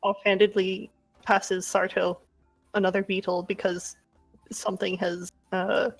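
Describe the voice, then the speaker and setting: A woman's voice: medium pitch, little pitch movement, measured pace, soft background music. Wry-voiced woman player. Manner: dry, wry remarks. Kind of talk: casual tabletop play.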